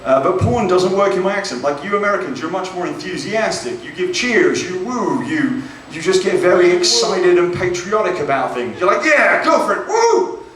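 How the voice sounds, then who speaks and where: A British man performing stand-up on a club stage, chatty and self-mocking, with a slightly high voice. The sound is very echoey and comes from some distance away, with a faint hum of room noise behind him. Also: lively intonation, moderate pace, few pauses, a bit bright. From Britain. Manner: chatty, self-deprecating, keeps asking "right?". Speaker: stand-up comedian. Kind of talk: stand-up comedy set. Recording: echoey club, mic heard from afar.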